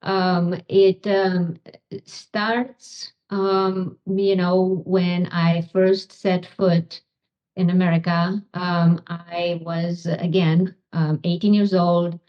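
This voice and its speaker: A Romanian-born woman in middle age answers interview questions at a very unhurried pace, pausing often with ums. Her voice sits a little low, and the recording sounds dull and lo-fi. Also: level tone. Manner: slow, halting, many ums. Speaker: guest, physician and author.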